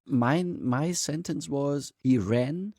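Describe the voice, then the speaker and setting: A man co-hosting a podcast, telling a story in animated casual chat. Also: a little high, slow pace, no room sound, studio quality. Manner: animated, anecdotal. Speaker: podcast co-host.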